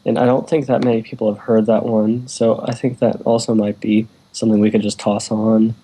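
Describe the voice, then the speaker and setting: Mellow laid-back man. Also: fairly low pitch, level tone, fairly quick, husky, rough recording. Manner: laid-back, chuckles often. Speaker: musician guest. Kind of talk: casual group chat.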